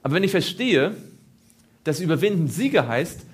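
A man's voice: a little high, big pitch swings, normal speed, slightly rough. A man preaching a sermon, asking his listeners questions and repeating phrases for emphasis.

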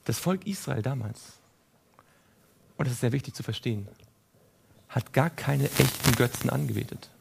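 A male preacher giving a sermon who puts questions to his listeners and answers them himself, swinging from loud cries to low, quiet passages. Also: expressive, moderate pace, creaky, pauses often, husky.

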